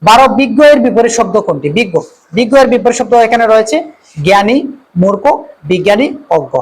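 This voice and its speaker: A male teacher going through exam multiple-choice questions, repeating each question and reading out the options before giving the answer, with drawn-out "uh" fillers. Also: sits high, lively intonation, a little hiss or hum, low-quality recording.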